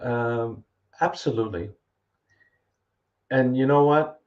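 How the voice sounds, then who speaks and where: A man's voice: mid-range voice, takes it slowly. A man speaking earnestly and emphatically as a guest on a motivational panel. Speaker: guest coach for entrepreneurs. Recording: dull, lo-fi audio.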